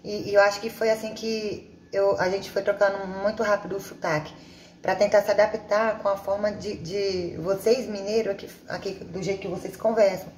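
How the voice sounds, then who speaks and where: A woman's voice: medium pitch, flat delivery, moderate pace, darkish tone. Chatty woman telling stories in an echoey room. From Bahia, Brazil. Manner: chatty, rambling, many restarts. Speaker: vlogger. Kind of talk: casual personal storytelling. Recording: echoey room with faint ambient noise.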